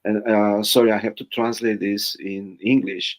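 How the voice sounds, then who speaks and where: A man's voice: fairly low pitch, little pitch movement, normal speed. A man with a Romanian accent, a guest on a live online interview, speaking earnestly with many hesitations.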